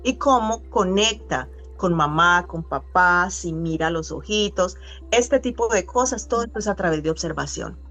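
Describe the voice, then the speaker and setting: A middle-aged woman with a slightly low voice speaks earnestly in a relaxed interview. She pauses and restarts as she gathers her thoughts. Soft music plays faintly underneath. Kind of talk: conversational interview.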